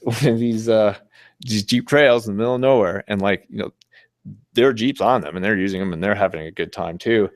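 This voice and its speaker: A man's voice: fairly low pitch, dry recording. A man giving a casual, rambling talk with slides, easygoing and chuckling often. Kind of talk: casual storytelling presentation with slides.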